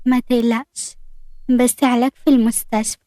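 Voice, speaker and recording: A woman voicing a young bride who hides her illness, soft and reassuring. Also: fairly high pitch, flat delivery, moderate pace, no room sound, natural voice.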